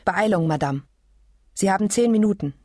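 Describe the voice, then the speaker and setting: A woman reading an audiobook, voicing a cold male official who gives brisk orders. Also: mid-range voice, lively intonation, a little mellow, no room sound, studio quality, close to an everyday voice. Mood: curt.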